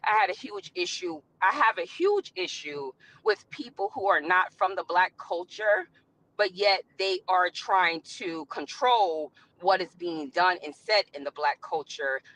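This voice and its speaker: A woman's voice: on the low side, big pitch swings, unhurried, a bit bright, low-quality recording. A woman calling into a live stream by phone while driving, explaining her side in a rambling, casual way with many fillers. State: driving, speaking from a car.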